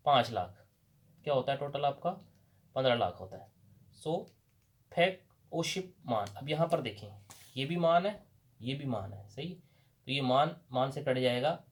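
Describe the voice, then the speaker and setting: Patient Pakistani teacher working through examples. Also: male voice, medium pitch. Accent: Pakistani Urdu. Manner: patient, repeats questions and answers them himself. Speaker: language teacher. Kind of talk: explaining a lesson at a board.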